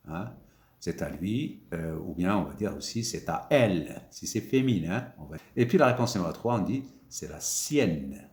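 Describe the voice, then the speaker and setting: A man's voice: lowish voice, a little mellow, reverberant. A man teaching French grammar, repeating key words with emphatic rises and mixing in Arabic glosses. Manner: switches between French and Moroccan Arabic glosses. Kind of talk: grammar lesson explaining examples.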